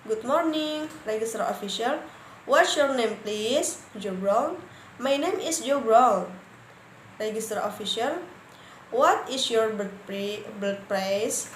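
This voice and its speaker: A woman with an Indonesian accent presenting an English lesson, reading example dialogues aloud slowly and carefully. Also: fairly high pitch. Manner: slow, careful reading with stressed words. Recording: echoey room, faint background noise.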